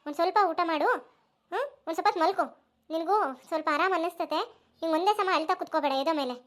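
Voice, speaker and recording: A woman's voice: very high voice, fast. A woman voicing a caring, bossy village woman who scolds and comforts like an elder sister. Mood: consoling. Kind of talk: cartoon voice acting.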